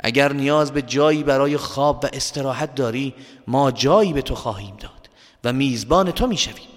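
A man voicing a gentle, generous grown man figure who welcomes a guest in a children's story. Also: mid-range voice, long reverb tail, natural voice. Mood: kindly. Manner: calm, gentle. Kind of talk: storybook character voice.

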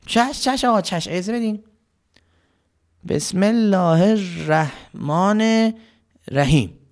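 A man voicing a timid young male servant who speaks in a squeaky, fawning, hurried way. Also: animated. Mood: obedient.

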